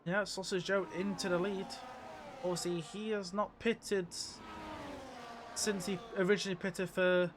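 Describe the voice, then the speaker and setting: A man's voice: sits high, flat delivery, measured pace, background noise. A man commentating live on an online race, chatty, often restarting his sentences. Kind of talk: live sim racing commentary.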